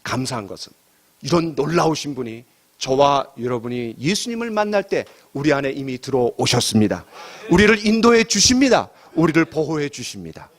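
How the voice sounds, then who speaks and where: A man's voice: mid-range voice, big pitch swings, normal speed. A middle-aged male pastor preaching a sermon, asking the congregation rhetorical questions and acting out quoted asides.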